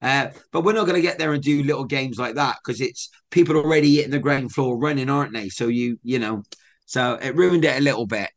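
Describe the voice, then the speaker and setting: Chatty upbeat English podcast host. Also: male voice, medium pitch, a little fast. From England. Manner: chatty storyteller, lively and upbeat. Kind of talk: casual chat.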